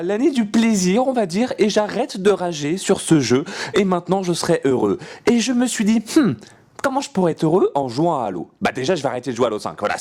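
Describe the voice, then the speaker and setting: A man giving casual gameplay commentary with a lively voice that leaps up and down in pitch. He rambles in playful rants, swears freely and keeps restarting his sentences. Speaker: gaming channel host.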